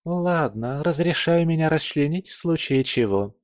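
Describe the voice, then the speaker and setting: A man reading an audiobook puts on a cheeky young wolf-girl with a raised, lifted voice and a slightly louder push. She teases and grumbles defiantly. The recording is dry and close. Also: fairly high pitch, animated, measured pace, dry recording, pitched above the performer's own voice. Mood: cheeky grumbling.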